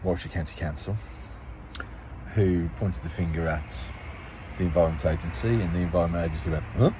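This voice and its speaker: A man's voice: low-pitched, steady tone, fairly quick, background noise. A man giving a casual spoken account as a local parish councillor, rambling and restarting phrases as he tells the story with some exasperation.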